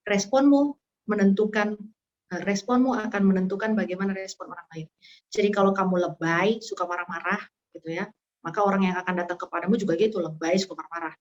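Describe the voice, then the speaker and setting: A young woman giving a casual religious talk as a guest speaker, telling lively stories and acting out scenes with sound effects. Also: medium pitch, muffled recording.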